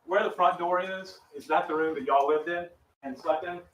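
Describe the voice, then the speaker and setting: A man's voice: a little high, fairly even intonation, moderate pace, a bit bright. A man, a defense attorney cross-examining a witness in a plainspoken, folksy way, heard through a courtroom recording played back. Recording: roomy, distant courtroom mic.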